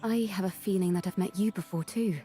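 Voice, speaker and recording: A woman's voice: medium pitch, a little fast, warm tone, faint music behind, natural voice. Woman voicing a cool, mysterious swordswoman. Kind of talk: game voice acting.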